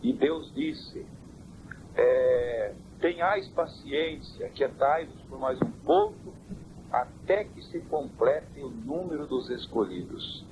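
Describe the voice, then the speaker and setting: Church elder, man, measured preaching cadence, recorded on worn old cassette with steady hiss. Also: mid-range voice. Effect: hissy, worn old cassette tape. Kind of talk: answering interview questions on doctrine. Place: family home.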